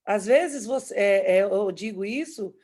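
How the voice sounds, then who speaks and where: A woman's voice: medium pitch, a little slow, a little mellow. A woman pastor with a Brazilian Portuguese accent leading a church service and speaking with enthusiasm to the audience.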